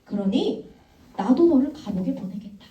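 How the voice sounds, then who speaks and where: Lady doing a stern king, slow and grave, kinda far from the mic. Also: a little high, expressive, warm tone, lightly acted. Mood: stern solemn. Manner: measured, pronouncing judgement. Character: stern but merciful male king. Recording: echoey room, mic far off.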